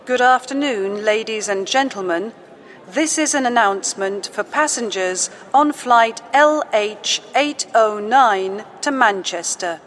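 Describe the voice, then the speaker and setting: A woman reads a scripted airport announcement in a formal, polite and measured manner. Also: a little high, a bit bright.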